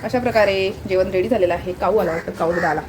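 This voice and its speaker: A woman's voice: medium pitch, quick pace, noisy background. A woman with a Marathi accent narrating a casual home vlog from her kitchen, chatting to viewers as she points things out. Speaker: vlogger.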